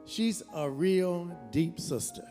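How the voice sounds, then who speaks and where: A man's voice: high-pitched, slow pace, warm tone. A man speaking earnestly to an audience as a concert emcee, with a few hesitant restarts. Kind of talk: event speech to an audience. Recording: long hall reverb, faint music.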